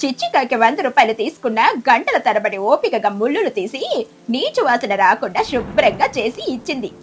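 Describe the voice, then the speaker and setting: A woman doing a loud, scolding crane. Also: sits high, steady tone, a little fast, a little hiss or hum. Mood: angry.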